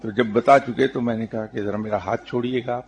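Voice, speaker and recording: Guy with a gravelly voice doing a calm spiritual talk, tells stories, drops in english words, bit of faint noise behind. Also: mid-range voice. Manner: calm, measured storytelling with English terms mixed in. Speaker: spiritual teacher. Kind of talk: religious talk answering a question.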